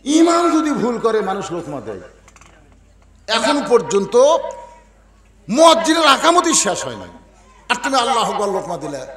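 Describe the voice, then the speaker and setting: A gentle older companion asks in mild reproach, voice fairly high and carrying, as a male preacher puts him on. He speaks over an echoey sound system. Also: huge pitch swings, moderate pace, long pauses, exaggerated voice. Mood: puzzled.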